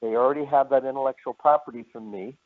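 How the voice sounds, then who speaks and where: A man runs a sales training session and talks it through in a steady lecturing way. He often repeats himself and slows down to spell out lists of words. His voice comes through a narrow, tinny line, as if heard over a phone call. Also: mid-range voice. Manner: repetitive, lecturing, pauses to list words slowly. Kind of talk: training presentation.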